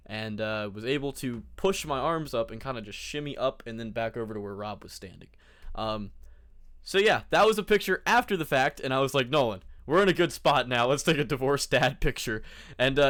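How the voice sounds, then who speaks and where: A man's voice: mid-range voice, a bit bright, clear, resonant tone, dry recording, studio quality. A man narrating his own trip as a vlogger in a casual, rambling, jokey and laid-back way, with informal slang.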